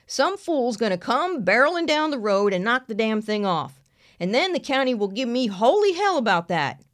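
A woman voicing a big, burly, gruff male sheriff in his fifties with a blunt, swearing drawl. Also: a little high, sing-song, moderate pace, pitched above the performer's own voice. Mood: irritated.

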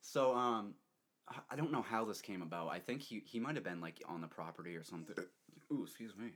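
A man's voice: lowish voice, animated, fairly quick, fairly bright tone. A young man casually telling a rambling story, laughing often and restarting his sentences. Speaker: storyteller co-host.

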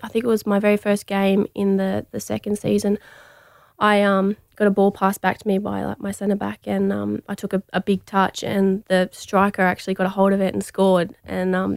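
A young woman from Australia chats casually as an interview guest, her level voice held to a narrow range with a gravelly fry. She talks in a relaxed way, full of fillers and restarts, in a dry, close studio sound. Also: mid-range voice, a little fast, no echo. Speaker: guest, athlete.

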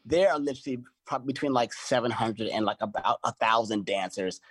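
A middle-aged man in casual conversation, an animated storyteller who acts out his own quoted lines. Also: mid-range voice, a little fast, husky, dry recording. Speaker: choreographer and podcast guest.

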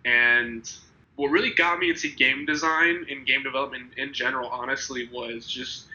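A man in his twenties hosts a casual podcast chat, his mid-range voice bright and forceful but slightly congested and nasal from a cold. The recording is muffled, and he rambles with many restarts, laughing easily.

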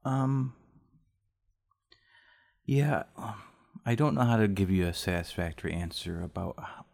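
A young man with a very deep voice speaks calmly and steadily. His manner is reassuring and unhurried in a relaxed talk between two people. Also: creaky. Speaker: podcast co-host. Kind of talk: casual intimate conversation.

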